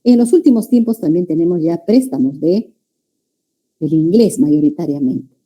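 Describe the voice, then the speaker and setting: A woman's voice: fairly low pitch, normal speed, dark tone. A woman teaching a language class, lecturing students and often checking that they follow. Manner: addresses students as "jóvenes", checks understanding with "¿ya?".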